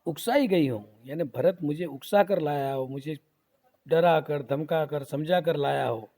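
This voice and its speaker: Male professor, slightly high, gravelly voice with a mellow tone; recites verse and then paraphrases it for students. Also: unhurried. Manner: repetitive, explanatory, asks rhetorical questions. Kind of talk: lecture explaining a poem.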